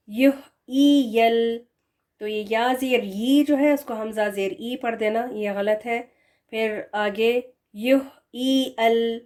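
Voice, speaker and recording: A woman teaching a recorded Quran recitation lesson who slows down to model correct and wrong pronunciations, with earnest, admonishing asides. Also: fairly high pitch, darkish tone. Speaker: tajweed teacher.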